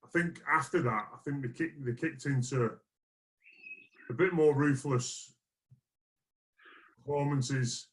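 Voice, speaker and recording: Mid-pitched man discussing sport earnestly. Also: low-quality recording. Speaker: rugby league player guest.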